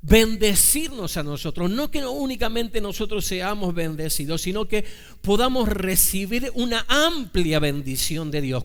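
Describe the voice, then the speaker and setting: This preacher's voice sits high as he addresses his flock in a chatty sermon. He asks rhetorical questions and deliberately slows to give weight to scripture quotations.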